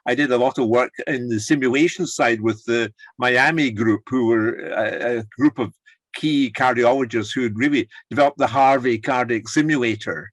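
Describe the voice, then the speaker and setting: A man's voice: mid-range voice, normal speed, no room sound. An older man leading an online course, chatting encouragingly over a video call and rambling with restarts. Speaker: course leader. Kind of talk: casual chat on a video call.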